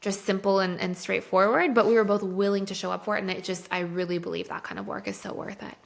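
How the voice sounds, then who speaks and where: A woman's voice: mid-range voice, steady tone, fast, gravelly. A woman guest on a podcast, candidly telling a personal story in casual conversation and often saying "like". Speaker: guest, personal development expert.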